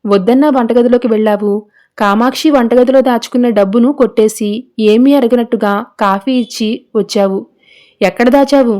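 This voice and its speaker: A woman's voice: a little high, mellow, lightly acted. A woman reading as a harsh accusing mother-in-law. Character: scheming domineering middle-aged mother-in-law.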